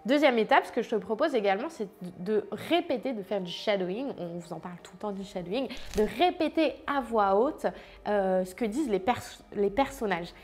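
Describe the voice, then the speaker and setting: A woman teaching languages in a casual, chatty way, often pausing with fillers and speaking straight to the viewer. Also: medium pitch, lively intonation, darkish tone, soft background music. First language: French. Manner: chatty, many fillers, addresses viewer directly. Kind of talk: casual explanatory lesson.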